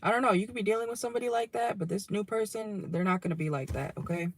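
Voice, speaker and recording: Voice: medium pitch, quick pace, slight background noise. A young adult tarot reader giving a casual reading from a parked car, chatty and loose, swearing now and then and tagging nearly every line with "okay?".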